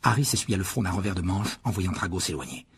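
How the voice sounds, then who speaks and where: A man narrating an audiobook in a steady, measured storytelling manner. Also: deep voice, slight background noise.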